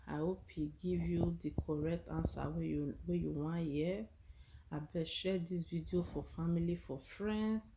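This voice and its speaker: Nigerian lady vlogging in pidgin, really mellow dark voice, earnest casual chat. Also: fairly low pitch, slight background noise, rough recording. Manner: earnest, encouraging, often checking listeners understand. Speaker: vlogger sharing her experience.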